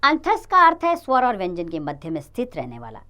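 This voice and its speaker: Lively woman teaching children. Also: fairly low pitch, fairly quick. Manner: addresses children, lively sing-song explaining. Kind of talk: children's grammar lesson.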